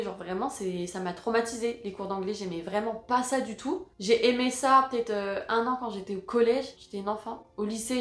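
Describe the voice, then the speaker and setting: Young woman from France, twenties, slangy and expressive vlogger, fairly high voice, echoey home room. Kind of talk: casual Q&A vlog.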